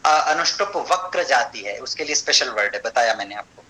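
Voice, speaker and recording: A man teaching an online Sanskrit class, explaining step by step, checking understanding and chanting verses slowly. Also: medium pitch, lively intonation, sharp tone, rough recording.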